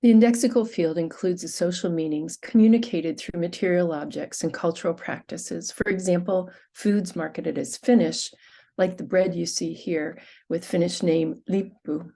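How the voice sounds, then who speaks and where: A woman presenting a prerecorded academic conference talk, reading from a script at a measured pace. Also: fairly low pitch, gravelly, dark tone.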